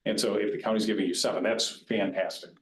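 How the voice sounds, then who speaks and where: A man with a lowish voice gives an informal retirement-planning talk in a roomy meeting room with a clear echo. He speaks plainly and conversationally, restarting phrases as he goes. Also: fairly even intonation, quick pace, slight background noise. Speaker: retirement plan advisor. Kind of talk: informal educational presentation. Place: county board meeting room.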